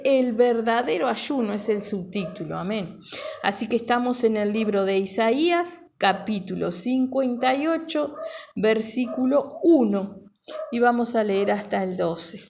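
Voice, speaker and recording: A woman's voice: fairly high pitch, darkish tone. A woman preacher leading a fervent prayer and then teaching from the Bible, often checking in with her listeners through tag questions. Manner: fervent prayer full of repeated invocations. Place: church mission.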